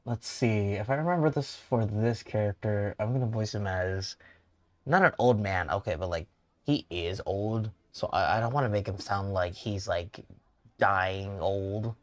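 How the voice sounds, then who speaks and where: A man streaming a story game, giving excitable commentary with squealing outbursts. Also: fairly low pitch, unhurried, no room sound.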